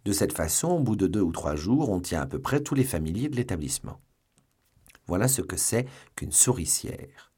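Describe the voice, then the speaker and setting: A man narrating a classic novel aloud in an audiobook. His voice is very low and husky. His pitch moves widely as he tells the story. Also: moderate pace. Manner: expressive storytelling.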